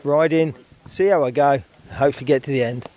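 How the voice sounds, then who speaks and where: A man's voice: a little high, steady tone, a little fast, darkish tone. A man taking part in a bike race, answering interview questions with dry, laconic, joking replies. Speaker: race participant being interviewed.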